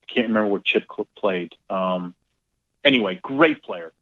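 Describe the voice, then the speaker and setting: A middle-aged man, a golf club owner, telling a lively casual story and acting out quoted dialogue, with some swearing. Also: lowish voice, normal speed, creaky. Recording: tinny phone-like line.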